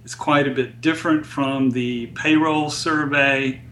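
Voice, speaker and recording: A man speaking as a guest economist in an interview, explaining data in a measured, deliberate way. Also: medium pitch, steady tone, bright, forceful tone, a little hiss or hum.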